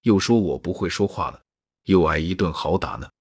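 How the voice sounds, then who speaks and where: A playful young nobleman, coaxing and ingratiating as he begs a favour, read by a man with a low, husky voice. Dry, close storybook sound. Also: animated, fairly quick, no echo.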